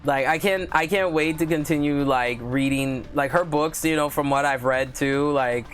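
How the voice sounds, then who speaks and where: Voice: medium pitch, normal speed, soft background music. A book vlogger hosting a casual live stream, talking in a chatty, gushing way, full of fillers and calling viewers guys. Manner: giggly and gushing. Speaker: book reviewer and channel host.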